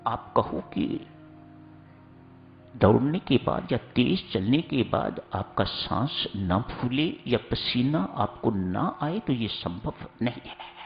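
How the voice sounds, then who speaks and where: Slow, gravelly male preacher. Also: mid-range voice, muffled recording. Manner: slow, instructive, addresses listeners as seekers. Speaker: spiritual preacher. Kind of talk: sermon.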